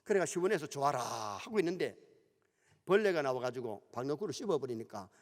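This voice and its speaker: A middle-aged pastor with a Gyeongsang Korean accent, preaching a sermon in an animated storytelling manner in a church sanctuary. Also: male voice, medium pitch, a little fast. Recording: long church hall reverb.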